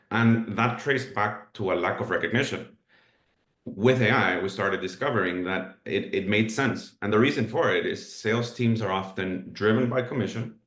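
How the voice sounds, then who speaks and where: A Spanish-speaking man with a lowish voice presents a live webinar in an echoey room. He explains things earnestly, with filler-laden restarts.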